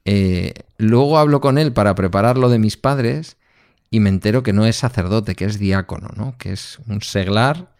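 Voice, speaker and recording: A man's voice: fairly low pitch, normal speed, darkish tone, no room sound, clean studio sound. A man the there, telling personal stories in a reflective way as a podcast co-host. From Basque Country, Spain. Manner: reflective anecdotal storyteller. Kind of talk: casual conversation.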